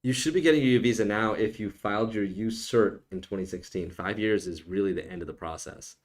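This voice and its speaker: Here an immigration attorney on a live stream responds to viewers' questions in a brisk, lowish voice. His manner is laid-back and jokey; he teases the viewers and keeps saying "okay?".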